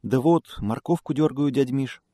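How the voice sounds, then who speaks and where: A man's voice: mid-range voice, moderate pace, warm tone, dry recording, clean studio sound, voice pushed up, lightly acted. A man voicing a timid little hare in a fairy tale, meek and polite.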